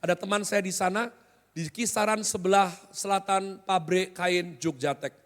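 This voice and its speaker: A man preaches a sermon in a large hall, and his words trail off in a long reverb. He keeps it conversational and jokey, tossing quick questions at the congregation. His voice sits well above most men's. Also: high-pitched, fairly even intonation, a bit bright. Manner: joking, conversational, often quizzes the congregation. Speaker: pastor. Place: large hotel hall used as church.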